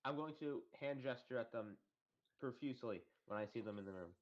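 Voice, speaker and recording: A man's voice: mid-range voice, brisk, muffled recording. A man playing his character in a tabletop game, earnest and persuasive. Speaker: player. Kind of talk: in-character tabletop role-play.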